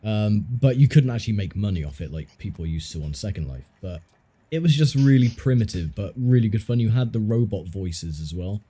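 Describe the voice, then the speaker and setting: A man's voice: fairly low pitch, dark tone, slightly rough. A man streaming, telling rambling stories in casual chat with a friend. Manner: rambling, self-interrupting storyteller.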